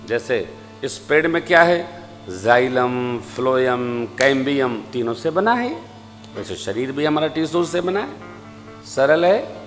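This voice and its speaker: Male preacher with a faint tinge, sings and tells stories at a slow pace in a reverberant hall. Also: medium pitch. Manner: storytelling, shifts between singing and soft spoken teaching. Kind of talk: devotional sermon with sung lines. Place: large hall with an audience.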